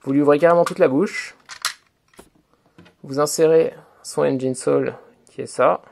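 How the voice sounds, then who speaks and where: A man's voice: a little high, fairly even intonation, a little slow, creaky, a little mellow, a little hiss or hum. A man giving a hands-on toy review, explaining step by step with many hesitations and fillers while he handles the toy. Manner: hesitant, filler-heavy explaining, "donc voilà".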